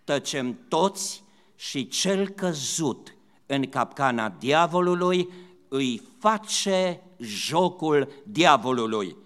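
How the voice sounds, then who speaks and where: A man preaching a sermon, repeating phrases and asking the congregation questions, dropping to quiet asides and then rising to loud, high-pitched emphasis. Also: expressive. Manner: repetitive, rhetorical questions to the congregation. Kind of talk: church sermon.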